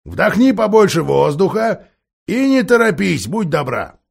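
A man's voice: high voice, sing-song, measured pace, creaky, husky, pitched above the performer's own voice, heavily acted. A man doing a grumpy half-deaf old dwarf. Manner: grumbling, querulous, mishears words.

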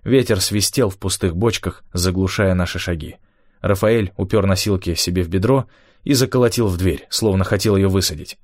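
A man narrating an audiobook in a steady, measured first-person storytelling manner. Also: low-pitched, dry recording, studio quality.

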